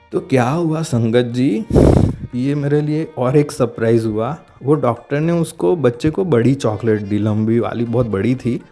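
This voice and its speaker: A man giving a heartfelt personal testimony, halting and searching for words as he speaks, with frequent restarts. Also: mid-range voice, warm tone. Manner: earnest and heartfelt. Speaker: devotee sharing a testimony.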